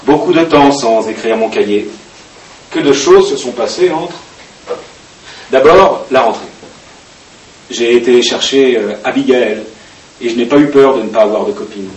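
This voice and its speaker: A man reading a diary aloud in a halting, expressive way with occasional fillers, recorded at a distance in an echoey room with faint hiss. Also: mid-range voice. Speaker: reader.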